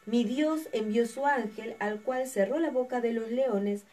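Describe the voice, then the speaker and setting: A woman reading Bible verses aloud in a steady, measured way during a sermon. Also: fairly high pitch. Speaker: scripture reader. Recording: distant mic with faint music.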